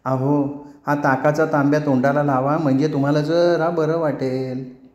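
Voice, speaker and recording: A patient village wife , as a male storyteller puts her on, speaking softly and gently. The recording has a roomy echo. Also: a little high, level tone, normal speed, dull audio, close to an everyday voice. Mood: gentle. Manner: soft, gentle.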